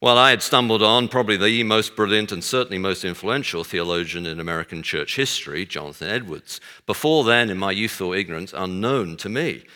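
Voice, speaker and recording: Here the same Texan guest speaker, a middle-aged man, sounds lowish, pushed and bright, moving briskly with hardly any pauses. His speech to the audience mixes dry self-deprecation with frequent hesitations, and the hall adds long reverb.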